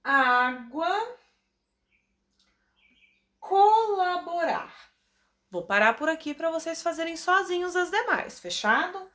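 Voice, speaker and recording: A woman teacher with a Brazilian Portuguese accent, giving a recorded class to young children and drawing out words slowly to sound out their syllables. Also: extremely high pitch, lively intonation, bright, forceful tone. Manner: drawn-out, stretching words to sound them out for children. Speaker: primary school teacher.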